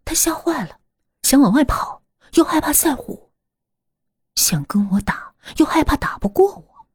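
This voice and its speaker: Female horror storyteller, hushed and breathy, lively pitch swings, close and dry. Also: unhurried, no room sound. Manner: hushed, breathy, often whispering.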